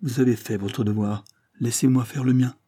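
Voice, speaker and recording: A man's voice: medium pitch, fairly even intonation, moderate pace, mellow, slightly rough, lightly acted. A man reading as a torn young noblewoman. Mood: desperate.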